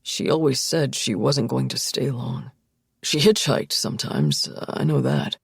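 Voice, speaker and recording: A calm, friendly middle-aged man remembers old friends in a soft, wistful way, read by a woman in her own low voice. The tone is gravelly and husky. It sits close and dry in the ear, as in an audiobook. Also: measured pace, dry recording, full character voice. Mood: reflective.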